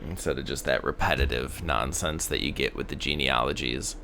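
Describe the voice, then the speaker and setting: A man with a very low, gravelly voice talks in a laid-back, reflective way as a podcast co-host. A faint hiss sits under the recording. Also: fairly quick, sharp tone. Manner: laid-back, reflective, reads the scripture aloud. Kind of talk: casual Bible discussion.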